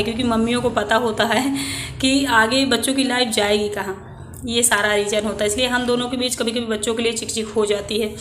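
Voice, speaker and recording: A woman's voice: fairly high pitch, fairly bright tone, roomy sound, a little hiss or hum. A woman in her thirties with an Indian Hindi accent, chatting casually to viewers while doing housework at home. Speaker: vlogger. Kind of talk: casual vlog chat with viewers. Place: home kitchen.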